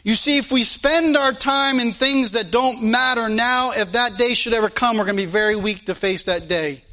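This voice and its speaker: A man serving as pastor preaches at normal speed in a very high-pitched, pushed, bright voice. Recorded via live stream in the church sanctuary, his sermon is fervent and emphatic, with many rhetorical questions.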